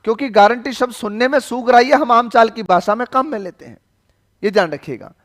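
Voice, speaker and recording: A man's voice: extremely high pitch, a little fast, a bit bright. A male teacher giving a lecture, questioning the class again and again and teasing them with jokes. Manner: joking, questioning.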